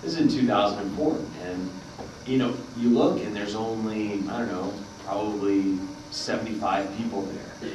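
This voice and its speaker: Here a man on the low side, speaking at normal speed, tells a lengthy, meandering convention-panel story packed with fillers. The audio is dull, captured at a distance in an echoing, noisy hall.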